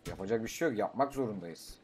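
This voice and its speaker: A young man giving casual gameplay commentary, talking to himself, swearing and breaking into excited outbursts. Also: fairly low pitch, quick pace. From Turkey. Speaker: gaming YouTuber.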